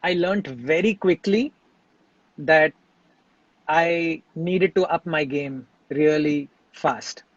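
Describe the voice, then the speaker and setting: A man talks over his singing practice in a relaxed interview. He speaks in a reflective, halting way, restarting his sentences. The sound is dry and a little dull. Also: a little high, no room sound. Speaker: singer and composer, interview guest.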